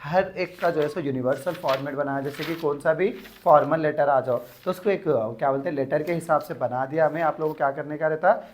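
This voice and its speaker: A man teaching an exam-prep grammar lesson, explaining step by step and repeating words slowly to dictate. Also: fairly high pitch, slight background noise.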